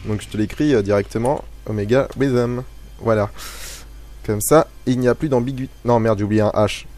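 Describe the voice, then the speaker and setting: A man's voice: lowish voice, fairly quick, darkish tone. A man hosting a casual live web radio show, rambling and self-mocking with lots of hesitations, talking over a music bed. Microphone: studio microphone. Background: faint music bed.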